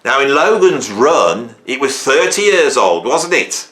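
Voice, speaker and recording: With a mid-range voice that is very animated, pushed, and bright, a YouTube music host in his fifties takes his time. Alone on camera, he reflects in a meandering way, questions himself, and keeps adding "right?" to what he says.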